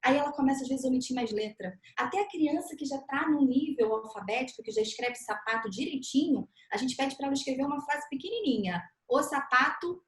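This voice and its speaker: Brazilian woman educator, animated explainer, high pitch, roomy echoey recording. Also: fast talker, hardly any pauses. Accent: Brazilian Portuguese. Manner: animated, acts out parents' reactions. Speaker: educator guest on a panel. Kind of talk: explanatory panel discussion. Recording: echoey room sound.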